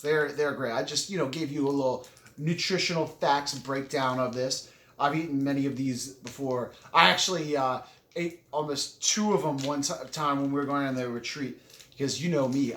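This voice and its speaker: A man with a mid-range, slightly bright voice vlogs casually while he eats, talking with his mouth full and chewing between phrases. He is rambling and enthusiastic, often correcting himself. The room is echoey, with slight background noise.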